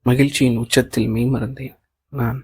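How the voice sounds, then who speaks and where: A man narrating a novel in a plain, even reading. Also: medium pitch, normal speed, breathy edge.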